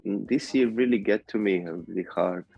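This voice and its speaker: A man from Serbia, speaking English as a guest on a video call. His nose is blocked and he has a fever, so his voice sounds muffled, as if he were talking from inside a barrel. He speaks haltingly, with many fillers. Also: on the low side, creaky, breathy edge, soft background music. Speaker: interview guest. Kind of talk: casual remote interview chat.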